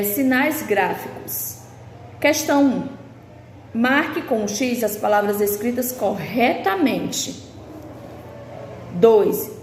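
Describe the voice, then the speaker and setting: Slow patient Brazilian woman teaching. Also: on the high side, darkish tone. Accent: Brazilian Portuguese. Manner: slow, patient explaining, reading out questions. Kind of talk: remote lesson walking through a workbook. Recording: echoey room with long reverb, faint background hiss.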